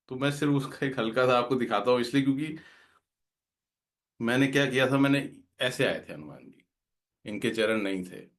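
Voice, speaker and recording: A man's voice: medium pitch, a bit bright. A man earnestly telling a heartfelt personal devotional story, slipping English words into his talk. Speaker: guest speaker at a devotional gathering.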